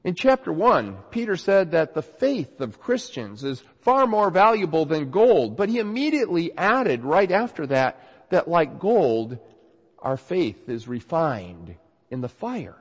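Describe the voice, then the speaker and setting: This sermon, scripture reading included, comes from a pastor still recovering from a cold, so his voice is a bit raspy and nasal. His slow, earnest, emphatic delivery is very animated, with pitch swinging on each point. Long hall reverb surrounds him in a muffled, dull recording.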